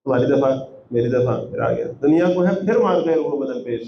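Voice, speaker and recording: A man's voice: mid-range voice, expressive, gravelly, highs cut off. Man explaining scripture in an echoey room. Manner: recites Arabic verses then explains in Urdu, rhetorical questions. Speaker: Quran translator and teacher. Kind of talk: Quran translation with commentary. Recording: echoey room with faint noise.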